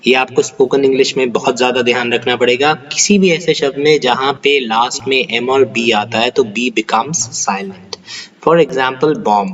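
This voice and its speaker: A male pronunciation teacher giving a lesson, explaining slowly and checking in with his students. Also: mid-range voice, fairly even intonation, highs cut off, a crowd in the background. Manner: explanatory, repeats words slowly and asks "right?". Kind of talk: classroom-style lesson in Hindi and English.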